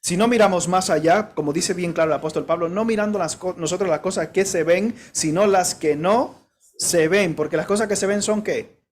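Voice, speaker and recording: A man's voice: high voice, moderate pace, a little hiss or hum. A male pastor preaching a sermon, emphatic, warning his listeners directly and asking them rhetorical questions.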